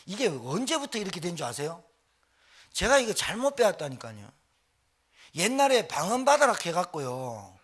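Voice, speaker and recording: A male pastor preaching a sermon in a church, talking fast with lively, exclamatory delivery. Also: high-pitched, husky. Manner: fast-talking, admits speaking too quickly.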